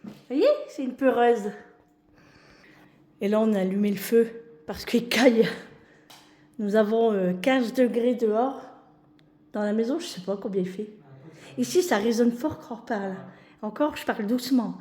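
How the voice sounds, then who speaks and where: A French woman talks to her followers in a relaxed, chatty home vlog. Her voice sits a little high, and she keeps calling her viewers friends as she shows them around. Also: normal speed, pauses often. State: out of breath. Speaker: vlogger. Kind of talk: casual vlog chat to viewers.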